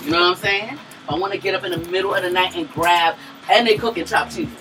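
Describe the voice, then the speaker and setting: A woman's voice: fairly low pitch, fast, fairly bright tone. A woman with a New York City accent hosting a casual chat, brash, slangy and full of swearing. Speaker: host. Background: music.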